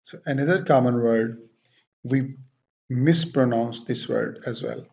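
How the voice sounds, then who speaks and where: A man teaching English pronunciation, repeating each word several times in a deliberate way and switching between English and Hindi explanations. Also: mid-range voice, creaky, darkish tone, muffled recording. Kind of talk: pronunciation lesson.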